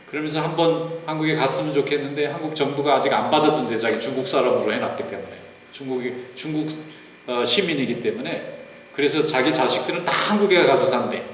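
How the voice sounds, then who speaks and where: A male pastor giving a sermon, telling stories in a relaxed, conversational way with folksy asides. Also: fairly high pitch. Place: large church sanctuary. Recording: roomy church hall reverb with faint noise.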